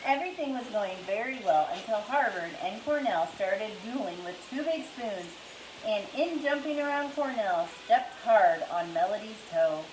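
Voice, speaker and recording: Expressive woman reading a children's book. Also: mid-range voice, moderate pace, reverberant, a little hiss or hum, poor audio. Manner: expressive, storytelling. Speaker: reader.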